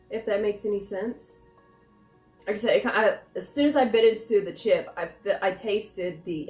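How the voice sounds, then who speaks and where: A woman with a mid-pitched voice gives a casual snack review, rambling and thinking aloud between tastes. The room adds a clear echo to her voice, and music plays faintly behind her. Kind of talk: casual chat, food taste test.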